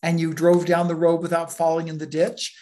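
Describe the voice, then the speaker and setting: A Bible teacher giving a conversational sermon, relaxed and full of everyday asides and stories. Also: medium pitch, fairly quick. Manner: relaxed, anecdotal, with many asides.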